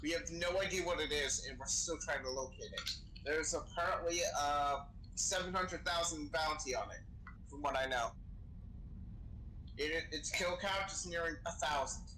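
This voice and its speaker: With a sharp, slightly high voice and moderate pace, a man improvises as a crew member in a role-play game, swearing casually while he explains things. The recording is noisy game voice chat.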